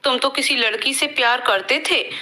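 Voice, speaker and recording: A hurt young widow in a storybook drama, as a woman narrator puts her on. Her voice is bright and fairly high. She speaks reproachfully, as if close to tears. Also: moderate pace. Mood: bitter. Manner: tearful, reproachful.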